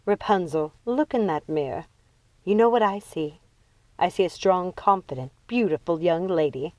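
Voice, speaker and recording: A woman's voice: fairly low pitch, moderate pace, a little mellow, no echo, close to an everyday voice. A woman voicing a vain, domineering mother villainess in a storybook, theatrical and condescending. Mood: vain, syrupy.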